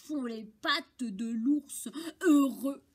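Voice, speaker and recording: A woman reading a children's story aloud, slow and expressive, with playful asides. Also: high-pitched.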